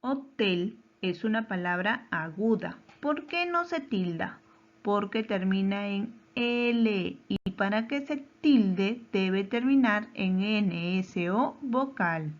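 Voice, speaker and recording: A woman teacher walks children through a grammar lesson, asking questions and then answering them herself. Her pace is very slow and careful, with deliberate pauses between phrases, and her voice sits in a middle range. The recording sounds a little dull and muffled. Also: medium pitch, animated.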